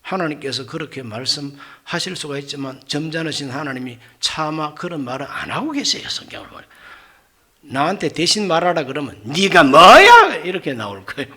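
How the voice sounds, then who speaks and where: A middle-aged male pastor preaching a sermon, acting out dialogue with loud exclamations and quiet asides. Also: a little high, lively intonation, fairly quick, slightly rough.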